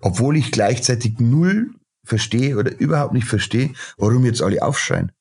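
A man's voice: medium pitch, expressive, normal speed, darkish tone, breathy edge. A middle-aged man, a chef and restaurateur ranting bluntly in a casual podcast interview, full of fillers and restarts. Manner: blunt, ranting, lots of filler sounds and repeated starts.

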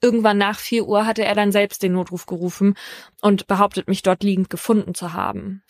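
A woman hosting a true crime podcast, telling a case in a measured, scripted first-person narration. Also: mid-range voice, little pitch movement, no echo.

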